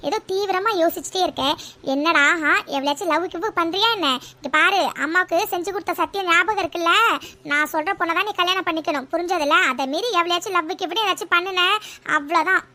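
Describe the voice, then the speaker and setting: A woman's voice: very high voice, bright, forceful tone. Woman voicing a nagging cartoon mother. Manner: scolding, reminding with a laugh. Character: middle-aged mother, nagging and protective.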